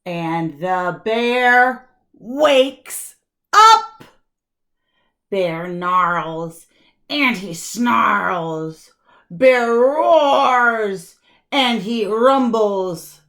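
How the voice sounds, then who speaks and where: A woman reading a children's storybook aloud like a kindergarten teacher, expressive, with deliberate dramatic pauses and emphasis. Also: a little high.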